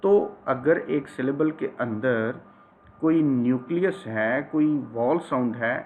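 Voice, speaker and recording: A man teaching a phonetics lecture. He reads English passages slowly, then explains them at length. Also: medium pitch, narrow, tinny audio, slight background noise.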